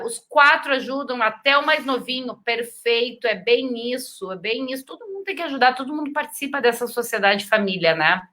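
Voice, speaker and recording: A woman with a Brazilian Portuguese accent hosting a casual live stream, chatting, reading viewer comments and sending greetings. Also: high voice. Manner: chatty, warm greetings to viewers, sends kisses.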